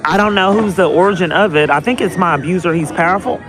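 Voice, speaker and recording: On a phone call to police dispatch, a woman begs for help in a lowish voice, talking fast amid background noise. She keeps insisting, says the same things again, and tends to speak over whoever is answering.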